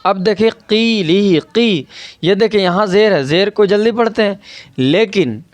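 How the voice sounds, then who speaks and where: A man's voice: high voice, expressive, normal speed, no echo. A man teaching an online Quran reading lesson, patiently repeating and stretching out syllables and asking his students rhetorical questions.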